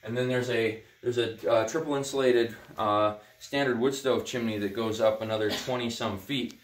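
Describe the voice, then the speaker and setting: In a barn workshop, a middle-aged man takes apart a cob heater as he explains it, rambling and dropping lots of ums and uhs. He is a natural builder with a mid-range voice, steady tone and moderate pace. There's a little hiss or hum, along with roomy indoor echo.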